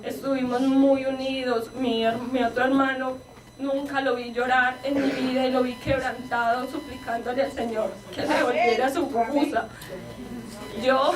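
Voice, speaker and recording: A woman pastor giving an earnest personal testimony from the pulpit, acting out the dialogue as she retells it. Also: high voice. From Colombia. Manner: earnest storytelling, reenacts dialogue with rising emotion. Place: church hall with congregation. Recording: echoey church, voice from a distance, congregation around.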